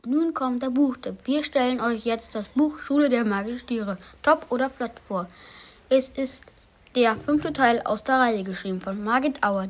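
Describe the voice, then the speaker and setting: A young presenter of a school radio show, reading out a book tip with small restarts. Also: female voice, a little high.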